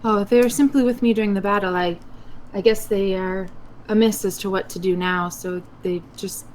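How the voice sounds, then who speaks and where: A woman's voice: mid-range voice, steady tone, moderate pace, a little mellow, a little hiss or hum, poor audio. Woman player with prim, polite lines. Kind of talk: in-character tabletop play.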